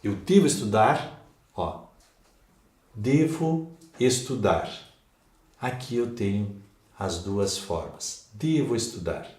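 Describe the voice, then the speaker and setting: A man's voice: on the low side, expressive, a little mellow. Emphatic Brazilian man teaching grammar. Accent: Brazilian Portuguese. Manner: slow, emphatic, repeats key words, checks understanding with "ok?" and "né?". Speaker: Portuguese teacher. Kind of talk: exam-prep grammar lesson. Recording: echoey room.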